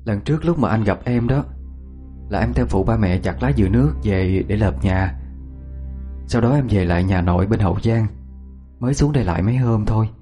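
A man doing a gentle young country girl with a lilt. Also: lowish voice, expressive, fairly quick, soft background music, close to an everyday voice. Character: gentle soft-spoken young village woman.

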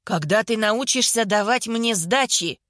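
A woman voicing a sharp-tongued older woman in a hospital bed, hoarse and sarcastic, teasing without mercy. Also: a little high, a little slow, no echo, clean studio sound. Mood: mocking.

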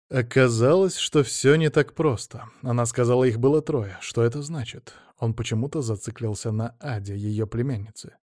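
A man reading audiobook narration in an even, measured way. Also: mid-range voice, no room sound, studio quality.

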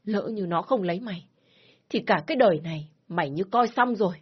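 A woman voicing a stern, domineering older father who shouts and scolds harshly, in a spoken story. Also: medium pitch, expressive, a little fast, husky, highs cut off. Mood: furious shouting.

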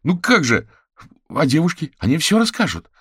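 A man voicing an excitable, impulsive young male spirit creature who shouts indignant outbursts in an audiobook. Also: fairly high pitch, fast talker, husky, dry recording, studio quality, voice pushed up. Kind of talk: audiobook character voice.

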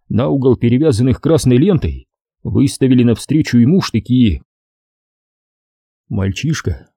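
Man reading an audiobook, super dark husky voice, lively up and down, dry close mic. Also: mid-range voice, dry recording. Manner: expressive, lively storytelling. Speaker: audiobook narrator. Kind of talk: dramatic audiobook narration.

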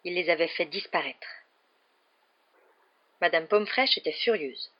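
A woman's voice: on the low side, unhurried, lo-fi sound. A woman narrating an audiobook chapter, reading the story steadily and expressively.

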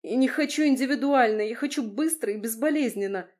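A woman voicing a sharp-tongued young woman in labor who gasps and hisses through the pain. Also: on the high side, normal speed, lightly acted. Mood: angry. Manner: gasping, hissing through pain.

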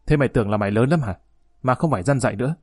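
A stern aging father lashes out at his son in a harsh, raised voice, as a male audiobook narrator reads him. The voice sits at a middle pitch. The recording is close and dry. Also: very fast, breathy edge, no echo, lightly acted. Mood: scolding. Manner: harsh, scolding, loud.

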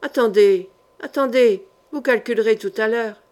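A woman voicing a fearless male knight who speaks quietly and dryly, with unhurried calm. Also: on the high side, lightly acted. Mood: coolly calm.

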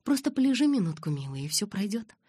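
A woman's voice: mid-range voice, sing-song, quick pace, darkish tone, slightly rough, dry recording, voice pushed up. A woman reading an audiobook, voicing a fussing older female school nurse aide in a raised, coaxing tone.

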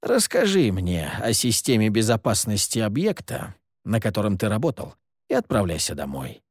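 Man voicing sly sardonic schemer, low hissing delivery, lively dry read. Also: moderate pace, breathy edge, no echo, full character voice. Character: sly scheming man, mocking, calls others amigo.

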